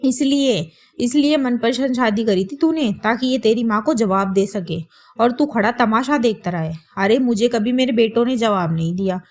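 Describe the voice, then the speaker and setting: A woman voicing a domineering older mother-in-law who scolds in a shrill, accusing way. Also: normal speed, darkish tone. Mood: scolding.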